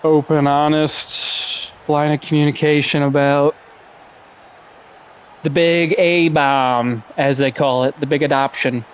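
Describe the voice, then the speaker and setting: A man's voice: a little high, fairly even intonation, slow pace, clear, resonant tone. A man in his twenties from Russia, hosting a podcast with a casual, rambling, profane, self-deprecating monologue full of fillers. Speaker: podcast host.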